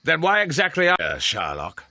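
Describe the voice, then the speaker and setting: Gravelly, haughty British gentleman Mycroft Holmes. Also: fairly high pitch, huge pitch swings, moderate pace, dry recording, heavily acted. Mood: condescending. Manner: pompous, condescending. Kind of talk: video game voice acting.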